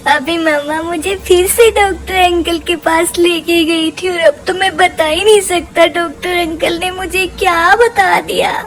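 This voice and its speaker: A woman's voice: extremely high pitch, fairly even intonation, measured pace, hardly any pauses. A woman voicing a playful, cheeky baby boy in cutesy baby talk with doubled words, as a vlogger narrating for her baby.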